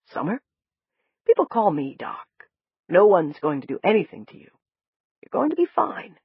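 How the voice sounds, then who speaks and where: A gentle male doctor reassures a scared patient in a soft, steady way, as a woman narrator voices him. The delivery has a slightly breathy tone with animated pitch. The recording is dry and a little dull. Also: moderate pace, no echo, heavily acted. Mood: soothing. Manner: soothing, reassuring. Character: calm, gentle male doctor, middle-aged.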